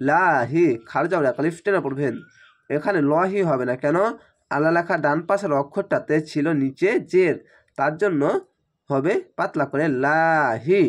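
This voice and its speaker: A man teaching Quran recitation letter by letter, patiently spelling out sounds and repeating rules, with a slightly strained voice from feeling unwell. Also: on the high side.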